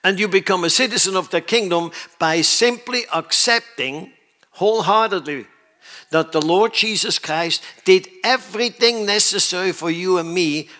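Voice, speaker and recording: This high-pitched, pushed and bright voice belongs to a man from Switzerland giving a sermon. He speaks emphatically, stressing points and frequently checking whether listeners follow him.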